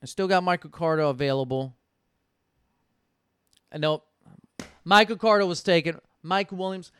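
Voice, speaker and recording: A young man talks through his fantasy football draft out loud, swearing freely and going back and forth with himself. His voice sits a bit high for a man and sounds smooth and clean. The mic is close and dry, with no room sound. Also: normal speed, no echo. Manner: thinking aloud, swearing, talking himself in and out of picks. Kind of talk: casual live draft commentary.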